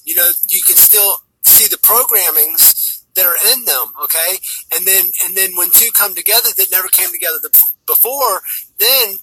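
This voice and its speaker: A man's voice: sits high, normal speed, over music, low-quality recording. A man giving a rambling spiritual monologue, tagging "okay?" onto nearly every phrase and often repeating and restarting his words. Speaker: spiritual speaker.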